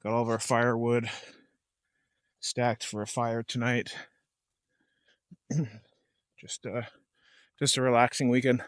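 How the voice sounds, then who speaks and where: A man vlogging casually from a lakeside campsite, talking in a relaxed, rambling way with lots of hesitations. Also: medium pitch, takes it slowly, long pauses, no echo, clean studio sound. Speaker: camping vlogger. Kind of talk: casual outdoor vlog.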